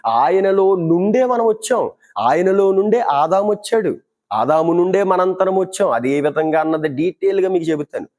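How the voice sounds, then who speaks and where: A man's voice: sits high, lively intonation, moderate pace, darkish tone. A man giving Bible teaching, asking rhetorical questions and acting out everyday dialogues to make his point.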